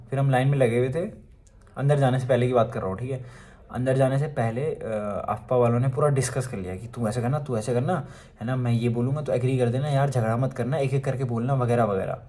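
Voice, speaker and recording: A man's voice: medium pitch, dark tone. A young man from India telling a personal story in a casual, chatty way, with frequent fillers and asides. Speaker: vlogger.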